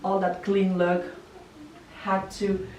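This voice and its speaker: A woman from Kazakhstan whose first language is Kazakh gives a casual house tour of her living room and bedroom. She speaks slowly in a mid-range voice, chatty and relaxed with many "like" fillers. The mic sits at a distance in an echoey room.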